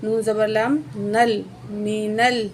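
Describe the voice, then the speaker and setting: A woman teaching a word-by-word recitation lesson with a Pakistani Urdu accent. She spells out each letter and vowel mark, then recites the words slowly. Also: medium pitch, flat delivery, slight background noise. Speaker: Quran teacher.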